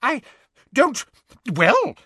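A frantic, bumbling minister in pyjamas gibbers and stammers in a shrill, lurching voice, as a man puts him on. The pitch leaps about wildly, the sound dry and close. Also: lively intonation, very slow, dry recording, heavily acted. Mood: panicky.

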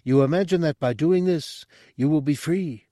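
A man voicing a calm, telepathic spider-bodied male monk who speaks in a soft, measured, coaxing way. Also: on the high side, dry recording, studio quality, pitched above the performer's own voice, close to an everyday voice. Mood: persuasive.

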